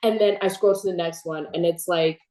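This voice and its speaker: A teenage girl hosting a casual interview, telling stories in an animated way and laughing often. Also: fairly low pitch, brisk, roomy sound. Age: teens. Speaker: host. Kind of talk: casual chat.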